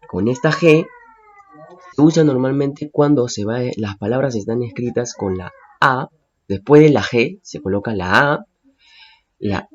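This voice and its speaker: A man's voice: medium pitch, a little mellow, slightly rough, lo-fi sound. A male teacher patiently explaining phonetic symbols to students, repeating key points and checking understanding.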